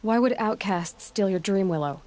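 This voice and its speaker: A woman's voice: medium pitch, expressive, moderate pace, mellow, natural voice. A woman playing a wry, direct young tracker in a video game, speaking in a matter-of-fact, dry way. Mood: inquisitive. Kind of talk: video game dialogue acting.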